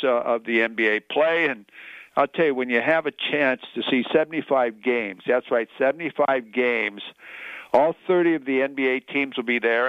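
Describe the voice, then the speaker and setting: A man's voice: mid-range voice, clear, resonant tone, dry recording. A man hosting a sports talk radio show, effusive and promotional, repeating phrases for emphasis. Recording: slightly dull, dry radio sound.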